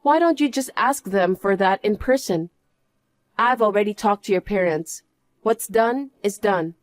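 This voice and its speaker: A woman's voice: medium pitch, measured pace, no room sound, natural voice. A woman playing a scornful betrayed wife in a story drama, scolding and dismissive. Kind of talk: dramatised story narration and dialogue.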